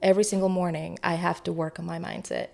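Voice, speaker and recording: A woman's voice: fairly low pitch, little pitch movement, fast talker, vocal fry. A woman speaking conversationally as an interviewed real estate agent, earnest and encouraging.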